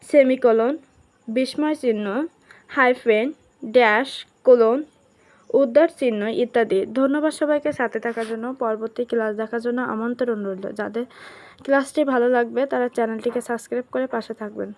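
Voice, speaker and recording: A woman's voice: on the high side, steady tone, normal speed, a little mellow. A woman teacher, giving an online class. She reads textbook questions aloud and answers them in short, spaced phrases. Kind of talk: online class lesson, reading and explaining a textbook.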